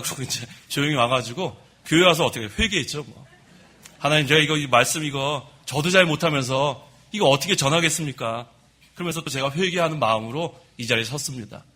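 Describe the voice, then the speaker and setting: A middle-aged man preaching a sermon from the pulpit of a church, telling stories about himself in a lively way. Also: fairly high pitch, slightly rough. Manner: lively storytelling, admits his own faults. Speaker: pastor. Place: church sanctuary.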